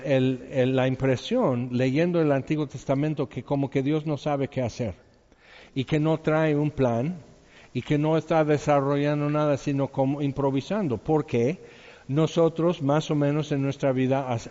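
A man's voice: fairly high pitch, steady tone, unhurried, warm tone. A man giving an informal Bible teaching in a conversational way, asking his listeners questions and chuckling now and then. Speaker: preacher. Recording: dull sound with long hall reverb.

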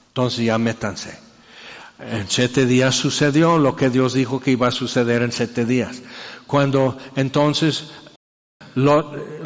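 A man's voice: medium pitch, big-room sound, muffled recording. A man preaching a sermon in a casual, joking way, acting out little scenes. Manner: conversational, acts out voices and jokes.

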